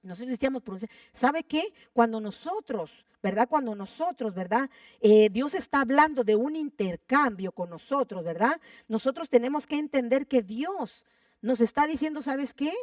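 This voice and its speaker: A woman's voice: fairly high pitch, animated, normal speed, no room sound, studio quality, distant mic. A woman preaching a sermon to her congregation. She talks with fervor, repeats phrases for emphasis and puts questions to the listeners. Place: church sanctuary.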